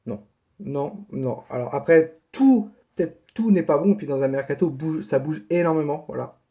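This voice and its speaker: Suffering from a head cold, the host of a football transfer news channel gives a casual, colloquial update, repeating points for emphasis. His voice sits on the high side, warm and at normal speed. The recording sounds dull and lo-fi.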